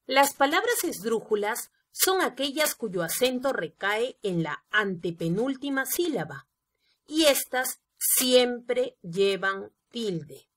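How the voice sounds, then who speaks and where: A woman teaching a grammar lesson to students in a slow, careful, scripted way, speaking to them directly. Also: a little high, big pitch swings, a bit bright. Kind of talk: scripted Spanish lesson narration.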